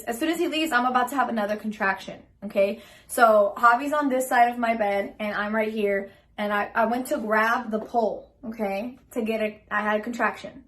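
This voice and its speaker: A young woman with a slightly high voice rambles through a personal story, chatty and full of fillers. She acts out her own remarks as she goes. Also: fairly bright tone. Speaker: vlogger telling her birth story. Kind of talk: casual storytelling.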